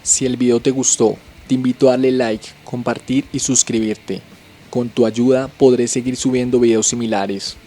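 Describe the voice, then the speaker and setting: A man giving a scripted documentary narration as a channel host, in an even, measured storytelling delivery. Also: mid-range voice, soft background music.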